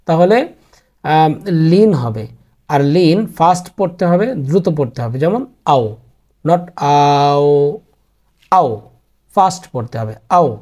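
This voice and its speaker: A man's voice: high-pitched, dark tone. A man teaching a Quran reading class online, patiently repeating each spelling rule and mixing in English words.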